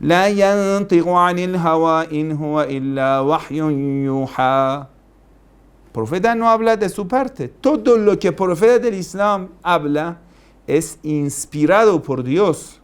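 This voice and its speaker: A man preaching, his voice sitting a little high for a man. He lectures emphatically, circling back to key phrases and firing rhetorical questions at his listeners. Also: fairly even intonation, slow pace, smooth. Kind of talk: religious lecture.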